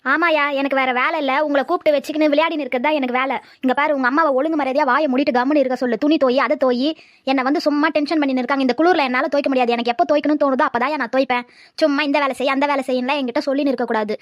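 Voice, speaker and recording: A sharp-tongued young daughter-in-law, played by a woman in a comedy skit. Her voice is high and she fires off her words quickly. The recording is close and dry. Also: fairly even intonation, no echo, highs cut off, natural voice. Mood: angry.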